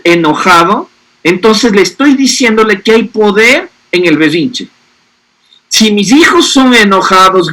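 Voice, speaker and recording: High, bright-voiced man explaining. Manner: keeps checking in with rhetorical questions. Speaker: speaker on a parenting panel. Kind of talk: explanatory talk to parents.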